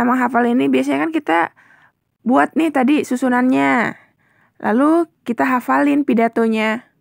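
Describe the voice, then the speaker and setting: A woman's voice: high-pitched, creaky, fairly bright tone, dry recording, clean studio sound. A young woman teacher explaining a lesson to children in a chatty, patient way, asking questions and answering them herself. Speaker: primary school teacher.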